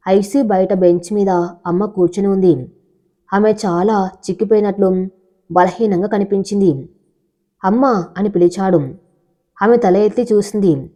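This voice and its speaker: A woman narrating a scripted love story in an even, measured way. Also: medium pitch.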